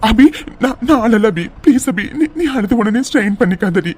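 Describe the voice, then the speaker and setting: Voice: mid-range voice, lively intonation, brisk, a little mellow, slightly rough. A voice actor playing a young husband in a cartoon serial, pleading and tearful, repeating himself.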